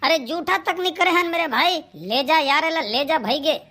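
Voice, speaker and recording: A voice actor playing a calm village friend in a cartoon comedy, soothing and coaxing in a Chhattisgarhi accent. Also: sits high, moderate pace. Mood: pleading.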